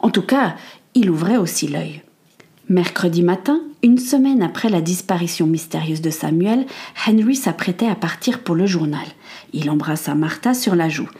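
Female audiobook narrator, steady and clear. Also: lowish voice, normal speed.

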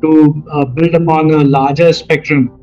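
A man moderating a formal panel, speaking in a halting, very polite and deferential way. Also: fairly high pitch, level tone, darkish tone, lo-fi sound, soft background music.

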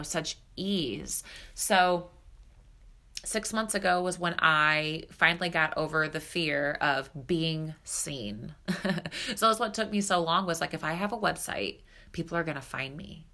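Low-voiced and sharp in tone, this podcast host and spiritual coach is a woman in her thirties delivering a solo monologue on her own show. Her nasal, slightly congested delivery is candid and chatty, full of filler words.

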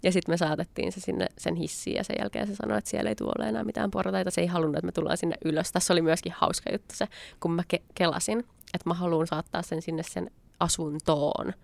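A woman's voice: lowish voice, steady tone, creaky, a little mellow, no echo. A young adult woman telling a personal anecdote in a chatty way, acting out what she said at the time. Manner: chatty, acts out her own past lines with quoted asides. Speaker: storyteller. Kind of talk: casual spoken anecdote.

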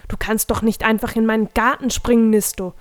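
A woman's voice: a little high, normal speed, a little mellow, no echo, natural voice. A woman reading the lines of a big, proud male forest creature who fusses over his garden, lecturing fondly, in a dry, close recording. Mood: proud fussy.

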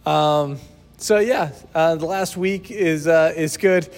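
A man's voice: fairly high pitch, slow pace. A man co-hosting a podcast in casual, teasing chat, recorded in a sheltered outdoor spot with a big echoey reverb around his voice. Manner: easygoing, teasing, chuckles often. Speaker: podcast co-host.

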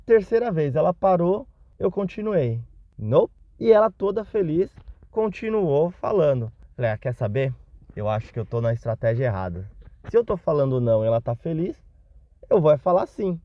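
A man's voice: a little high, normal speed, no echo, highs cut off. A man telling a self-deprecating Christmas anecdote as a listener in a recorded message. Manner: self-deprecating, animated retelling. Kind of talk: recorded anecdote, casual storytelling.

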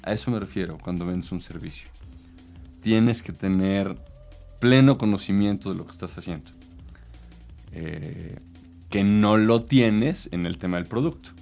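Low-voiced consultant explaining business. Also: male voice, measured pace, gravelly, long pauses, a little mellow, faint music behind. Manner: explanatory, hesitant with many fillers. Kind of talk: casual chat.

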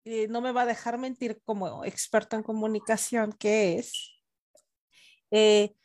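A woman's voice: a little high, steady tone, a little slow, a little mellow. A woman, co-hosting a casual spiritual podcast, explaining ideas in a playful way with asides. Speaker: podcast co-host.

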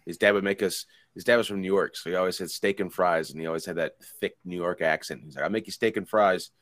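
A man's voice: deep voice, steady tone, fast talker, fairly bright tone, dry recording, studio quality. A man in his thirties co-hosting a casual podcast, rambling and swearing as he tells stories. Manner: rambling, profane, laid-back storytelling. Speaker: podcast co-host. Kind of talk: casual chat.

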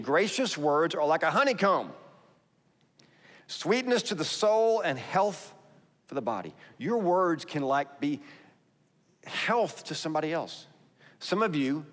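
A man's voice: fairly high pitch, a bit bright. A man with a Texas accent preaching a sermon, conversational and emphatic, reading scripture aloud between his own remarks. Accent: Texan. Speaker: pastor. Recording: long reverb in a large hall.

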